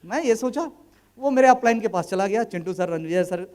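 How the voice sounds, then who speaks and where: A man's voice: high-pitched, lively intonation, fairly quick, darkish tone. A man in his thirties speaking at a business event, telling a motivational personal story in a casual, colloquial way and acting out the dialogue in his anecdotes.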